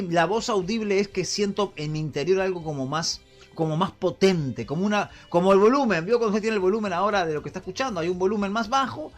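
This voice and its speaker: Preacher guy, high voice, very animated, faint music behind. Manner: preaching with call-and-response prompts to the congregation. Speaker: pastor. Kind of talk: sermon.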